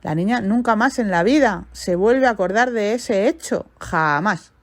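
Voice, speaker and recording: A woman hosting a podcast, telling a client's story in an animated way, asking rhetorical questions. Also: mid-range voice, moderate pace, dry recording. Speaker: podcast host and therapist. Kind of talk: storytelling monologue.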